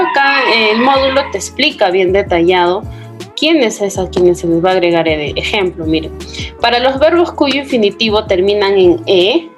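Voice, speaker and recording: Patient woman teaching a class. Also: mid-range voice. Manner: patient, explanatory, frequent checking tag questions. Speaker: English teacher. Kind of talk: recorded class explanation.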